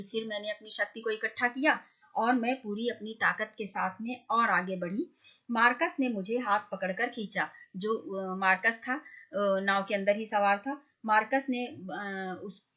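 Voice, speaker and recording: Bright-voiced woman teaching a class. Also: mid-range voice, unhurried, muffled recording. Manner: explains each line with questions to the class. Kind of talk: reading and explaining a school lesson to children.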